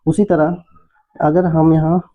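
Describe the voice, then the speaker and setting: A man's voice: fairly high pitch, level tone, slow pace, warm tone. A man hosting an English lesson for beginners, explaining spelling and pronunciation patiently and repeating checks with his listeners. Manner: patient, repetitive explaining with frequent "है ना". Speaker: English teacher, channel host. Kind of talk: Hindi-language English lesson. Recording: tinny phone-like audio.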